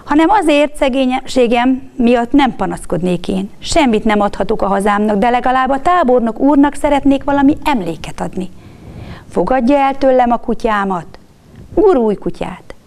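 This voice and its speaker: Storybook figure: a woman playing a meek old blind beggar man, soft and shaky, a bit higher and slower than a plain reading. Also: lively intonation. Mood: humble. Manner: soft, trembling, pleading. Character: poor old blind male beggar, humble and pleading.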